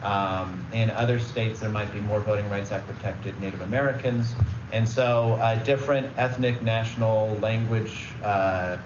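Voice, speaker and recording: A man's voice: lowish voice, fairly even intonation, moderate pace, echoey room, distant mic, muffled recording, background noise. A man giving a conversational presentation at a public meeting, explaining rules with everyday examples and plenty of fillers. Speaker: redistricting consultant presenting.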